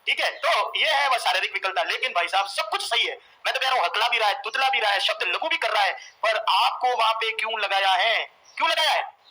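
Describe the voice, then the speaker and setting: A man teaching in a classroom with a very high, ringing voice. He dictates each point to be written down, says it over again for the note-takers and keeps firing questions at the class. The tone is sharp and bright throughout. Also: lively intonation, fairly quick, poor audio. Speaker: exam coaching teacher. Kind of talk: classroom lecture, dictating notes.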